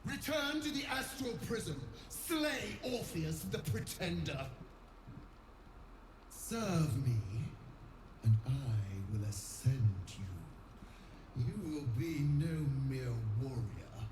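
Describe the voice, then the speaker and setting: A woman's voice: low voice, expressive, drawn-out words, echoey room, background noise, full character voice. An actress playing a cruel, imperious undying alien queen in a video game, declaiming in a grand, commanding manner.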